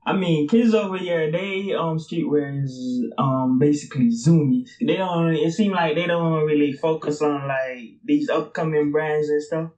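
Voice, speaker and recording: A man's voice: fairly high pitch, a little slow, hardly any pauses, a little mellow, highs cut off. A man in his twenties from Brooklyn, New York, answering interview questions in a loose, rambling way full of fillers and casual swearing. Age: 20s. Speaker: streetwear brand founder and guest.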